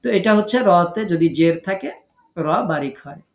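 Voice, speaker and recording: A man teaching Quran recitation rules in an online lesson, patiently repeating each rule and drawing out example words slowly. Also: a little high, darkish tone. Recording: echoey room.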